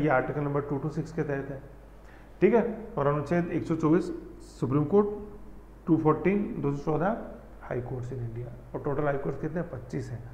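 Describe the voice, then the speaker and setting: A man's voice: fairly high pitch, vocal fry, darkish tone, slight background noise. Man, teacher, exam-prep lesson, chatty check-ins, long reverb, muffled lo-fi sound. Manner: conversational, checks in constantly with "thik hai"; spells out pronunciation slowly, syllable by syllable. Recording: echoey, dull lo-fi room recording.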